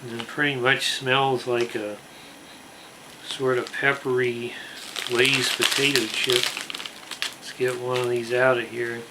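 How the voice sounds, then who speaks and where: A man hosting a casual food review to camera, speaking in a deliberate, emphatic way with drawn-out words. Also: mid-range voice, little pitch movement, noisy background. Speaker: snack review channel host.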